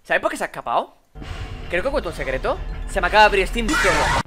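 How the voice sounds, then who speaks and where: A young man from Spain streaming a horror game, who swings from low muttering to panicked shouting. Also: very animated, quick pace, music in the background. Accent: Spain Spanish. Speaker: gaming streamer. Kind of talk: live gameplay commentary.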